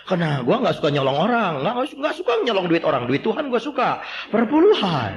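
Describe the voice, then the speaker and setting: A man preaching a sermon, telling stories with humor and shouting quoted lines. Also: sits high, very animated, fairly quick. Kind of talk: sermon with storytelling.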